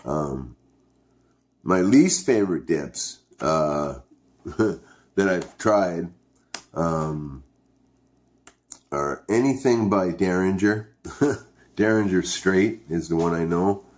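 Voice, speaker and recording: A man with a very low voice talks at a distinctly slow pace. He sounds like a vlogger in casual chat, rambling and hesitating as he thinks things through out loud. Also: animated. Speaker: video host reviewing dipping tobacco.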